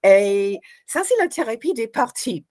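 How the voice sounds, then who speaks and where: A woman's voice: a little high, lively intonation, a little slow, a little mellow. An older woman from Australia, a guest hypnosis instructor, explaining her sessions thoughtfully and searching for words as she goes. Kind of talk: explanatory interview answers.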